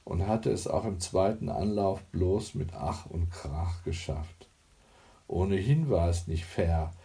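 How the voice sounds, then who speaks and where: A man narrates a novel in a measured, wry reading. His voice is low and dark with a gravelly texture, and he takes his time over every phrase. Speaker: audiobook narrator. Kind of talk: scripted narration.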